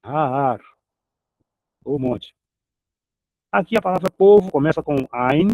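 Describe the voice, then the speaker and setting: A man's voice: fairly high pitch, animated, normal speed, darkish tone, no echo, rough recording. A man teaching a recorded Hebrew grammar lesson, patiently repeating each example word.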